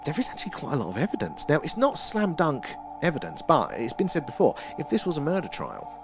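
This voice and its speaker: A man's voice: a little high, huge pitch swings, fast talker, music in the background. A man with an Essex accent hosting a casual livestream, rambling and self-deprecating as he answers viewers' comments. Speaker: livestream host. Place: small room at home.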